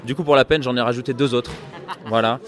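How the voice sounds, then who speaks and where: A man, a bandleader and accordionist, talks through an interview at an easy, unhurried pace. His speech is chatty and hesitant, full of small pauses as he searches for the next thought. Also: mid-range voice, steady tone. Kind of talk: casual interview answers.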